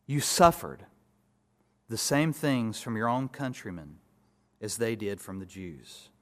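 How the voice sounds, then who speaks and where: A male pastor preaching an expository sermon, building to emphatic peaks and dropping to soft asides. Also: on the low side, big pitch swings, slow pace.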